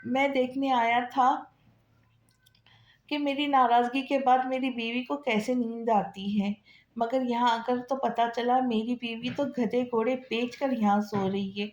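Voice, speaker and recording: Woman reading a cocky teasing young husband, bossy, high voice, echoey room, storybook. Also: steady tone, a little mellow, lo-fi sound, natural voice. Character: bold mischievous young husband sneaking in.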